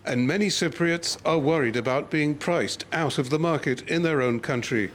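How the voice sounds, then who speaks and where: A male correspondent narrates a scripted report with clear, even delivery. His pitch sits a little high for a man. The read is a polished voice-over. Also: moderate pace, a little hiss or hum.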